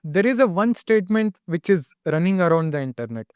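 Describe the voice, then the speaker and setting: A man hosting a podcast interview, calmly leading with questions. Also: high-pitched, brisk, smooth, no room sound, studio quality. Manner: calm, asking questions. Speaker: podcast host.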